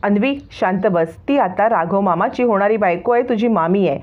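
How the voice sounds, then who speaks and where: A woman's voice: mid-range voice, normal speed, natural voice. A woman voicing a stern middle-aged matriarch who scolds firmly. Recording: tinny phone-like sound.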